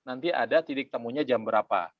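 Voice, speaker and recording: A middle-aged man giving a conversational parenting talk, acting out parent and child in quick exchanges. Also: medium pitch, no echo, phone-quality sound. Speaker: parenting speaker.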